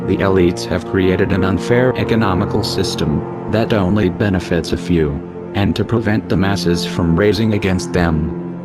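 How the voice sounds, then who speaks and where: Disguised deep voice of an anonymous man. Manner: grave, ominous, addressing the listener directly. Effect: disguised, pitch-lowered deep voice. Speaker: anonymous narrator. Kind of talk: scripted narration of a warning message. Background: music.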